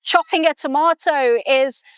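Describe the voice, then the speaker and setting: A woman's voice: high-pitched, measured pace, dry recording. A woman explaining her position in a casual back-and-forth debate as an interviewer. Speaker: interviewer, vegan advocate.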